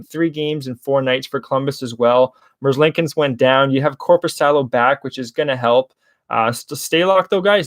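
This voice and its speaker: A young man with a medium-pitched voice hosts a casual hockey betting livestream, rambling through his picks. He's chatty and talks to chat viewers, calling them guys. The recording is dry.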